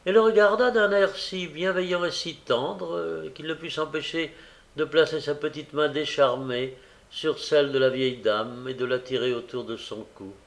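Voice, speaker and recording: A male narrator reading a classic novel aloud at a measured pace. His delivery is expressive, with a middle-pitched voice and the odd slip. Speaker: audiobook narrator. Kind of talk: literary audiobook narration.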